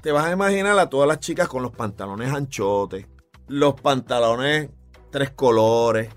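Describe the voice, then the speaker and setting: A man's voice: medium pitch, unhurried, faint music behind. A man with a Puerto Rican accent, a DJ and club owner telling vivid stories in an interview. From Puerto Rico. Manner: animated, vivid storyteller. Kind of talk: interview recollection.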